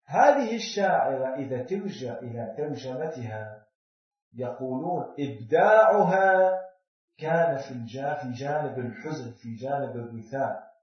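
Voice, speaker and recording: A man giving a religious lecture, posing rhetorical questions and swinging between loud emphasis and near-hushed asides. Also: mid-range voice, expressive, moderate pace. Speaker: religious speaker. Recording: echoey hall on a dull, lo-fi recording.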